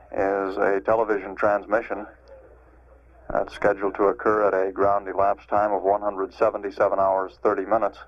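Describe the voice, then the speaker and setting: A man giving live spaceflight status commentary as a mission control announcer, formal and halting, over an archival radio feed. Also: on the low side. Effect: archival broadcast radio sound. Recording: dull, band-limited archival radio feed.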